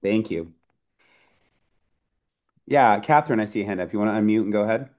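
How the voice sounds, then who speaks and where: A man's voice: lowish voice, brisk, a little mellow. A man hosting a video call, giving brief friendly prompts to participants. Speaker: host.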